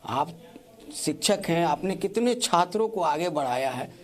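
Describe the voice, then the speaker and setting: A man's voice: a little high, expressive, a little slow. A man working as a news reporter, putting probing questions to a guest in an interview.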